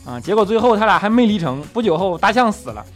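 A man with a fairly high voice reads listener comments with teasing, quick-fire comebacks. He chuckles often as he goes, and faint music sits underneath him. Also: big pitch swings. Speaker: podcast host reading listener comments. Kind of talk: comedic comment-reading show.

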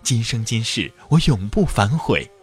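A man's voice: fairly low pitch, very animated, unhurried, faint music behind. A man voicing a graceful, bold young woman in a raised, sweet and earnest voice.

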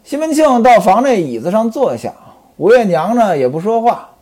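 A man's voice: sits high, very animated, normal speed, a little mellow. A man telling a classical novel as a storyteller, chatty, with explaining asides.

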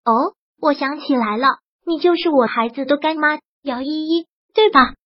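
A woman's voice: sits high, normal speed, no room sound, highs cut off, lightly acted. A woman voicing a confused, childlike young woman who treats a puppet as her baby, in a storybook reading.

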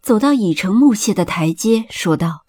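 Husky woman narrating a palace audiobook. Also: medium pitch, expressive, moderate pace, darkish tone, no room sound.

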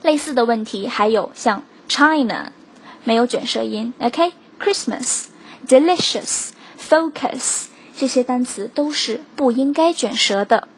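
A woman teaching English pronunciation in a recorded lesson, briskly explaining, then slowing right down to say example words. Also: fairly high pitch, a little hiss or hum. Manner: brisk, drawn-out slow demonstrations of words.

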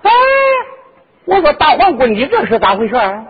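A man's voice: very high voice, very animated, normal speed, breathy edge, heavily acted. A male storyteller voicing a sly, cringing young male servant clown who whines and wails in mock crying. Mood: protesting. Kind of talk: traditional sung storytelling with dialogue. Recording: dull lo-fi with long reverb.

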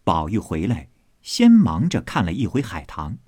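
A man narrating a classical novel aloud in an animated, expressive storytelling manner on a close mic. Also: low-pitched, moderate pace, slightly rough, dry recording.

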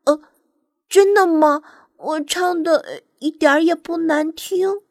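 Woman playing a little hedgehog boy, earnest and wistful, very high childlike voice, slow gentle delivery, storybook tale. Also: reverberant, in a large hall. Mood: hopeful. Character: small, eager, hopeful young male hedgehog.

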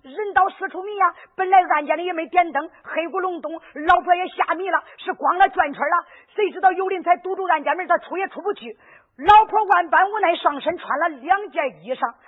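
A woman's voice: very high-pitched, brisk. A woman telling a traditional folk story, who often asks rhetorical questions and answers them herself. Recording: narrow lo-fi radio recording.

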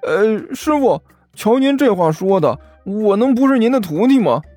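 A timid young apprentice who stammers and hesitates, pitched noticeably high, played by a man reading a storybook. The recording is dry, with light music behind. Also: sing-song, moderate pace, dark tone, no room sound.

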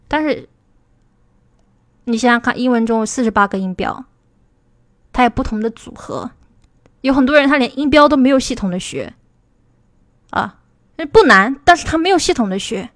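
A woman with a fairly high voice teaches English listening and pronunciation on a livestream. She explains patiently and checks in with her listeners. The sound is dry and close, with no room echo. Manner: explanatory, asks "对吧" to check understanding; slows down to model English pronunciation. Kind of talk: livestream lesson.

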